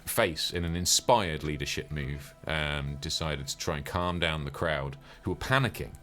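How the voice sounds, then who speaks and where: A man's voice: rumbling low, moderate pace, fairly bright tone, faint music behind. A man chatting casually and self-deprecatingly as game master of a streamed tabletop game.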